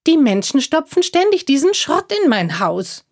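A tiny, timid squirrel girl from a children's storybook squeaks in a high, piping voice that sits far above a normal speaking voice, as a woman reading aloud puts her on. She sounds anxious and small, and every word comes out thin and pinched. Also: big pitch swings, moderate pace, darkish tone. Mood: plaintive.

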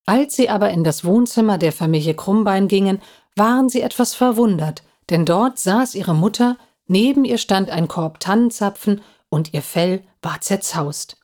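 A woman narrating a children's story in a gentle, expressive reading voice. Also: mid-range voice, normal speed.

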